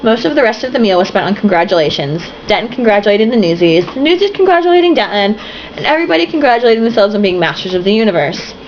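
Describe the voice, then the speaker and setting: A tipsy young woman reads a novel aloud, racing along at a medium pitch with big pitch swings, giggling, being sarcastic, and breaking off for sweary commentary. The home recording is dull and lo-fi, with faint hiss.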